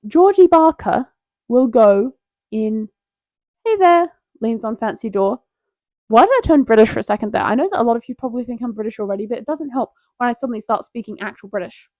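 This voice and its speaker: Playful young woman, bright and jokey. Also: on the high side, expressive, fast talker, no room sound. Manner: playful, self-interrupting, jokey. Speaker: tier list video host. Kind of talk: casual rambling commentary.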